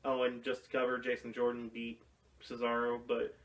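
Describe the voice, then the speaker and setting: A man co-hosting a casual wrestling chat, blunt and quick to swear. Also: medium pitch, completely flat delivery, fairly bright tone. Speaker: podcast co-host. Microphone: phone or tablet. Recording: distant phone recording.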